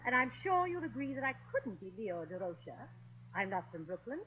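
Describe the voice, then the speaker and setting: A woman's voice: fairly high pitch, sing-song, fairly quick, bright, forceful tone. A woman with an English accent playing a dry-witted English lady who answers with cutting quips, in 1940s radio comedy style. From England. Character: sharp-witted English lady guest, unimpressed. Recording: noisy old radio broadcast.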